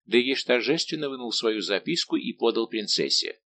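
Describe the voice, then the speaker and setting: Guy reading a historical novel audiobook, mid voice, really lively intonation. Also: medium pitch, moderate pace. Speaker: audiobook narrator. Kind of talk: scripted narration of a historical novel.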